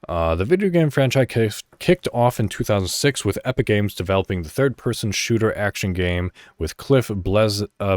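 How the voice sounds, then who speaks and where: A man whose voice is on the low side talks through a solo podcast in a casual, somewhat rambling, conversational way, reading articles aloud. The sound is clean studio audio without room sound.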